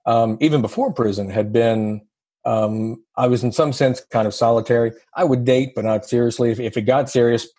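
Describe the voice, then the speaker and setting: A man's voice: mid-range voice, steady tone, normal speed, mellow, no echo. A man from the South, a guest telling his story in an interview with a wry, self-deprecating humor. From American South.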